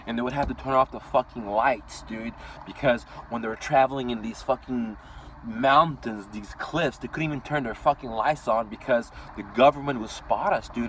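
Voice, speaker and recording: A middle-aged man from Iran talking to his viewers from a parked open-top car, blunt, swearing often and calling them dude. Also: mid-range voice. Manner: blunt, swears a lot, calls listeners dude. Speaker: real estate vlogger. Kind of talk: casual storytelling vlog. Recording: from a distance, faint outdoor noise.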